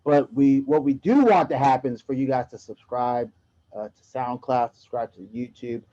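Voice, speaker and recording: A man hosting a casual basketball podcast, excitable and prone to getting loud. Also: mid-range voice, moderate pace. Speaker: podcast host. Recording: dull lo-fi audio.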